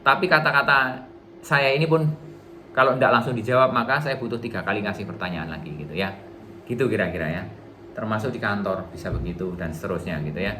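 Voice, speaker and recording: A man's voice: on the low side, a little fast, sharp tone, a little hiss or hum. A middle-aged man giving a relationship seminar to a live audience in a casual, chatty way, acting out little dialogues. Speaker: workshop trainer.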